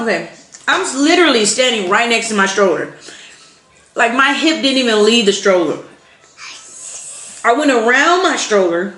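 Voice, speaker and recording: Exasperated young woman vlogger, echoey room. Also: on the high side. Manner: animated, exasperated storytelling. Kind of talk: casual storytelling while eating. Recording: echoey room with faint noise.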